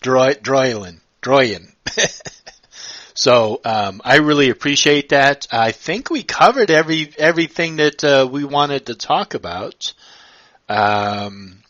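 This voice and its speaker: A man's voice: medium pitch, big pitch swings, slow, a bit bright, dry recording. A man hosting a casual live-streamed interview, talking hesitantly with many fillers and restarts. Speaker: podcast host. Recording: dull lo-fi dry sound.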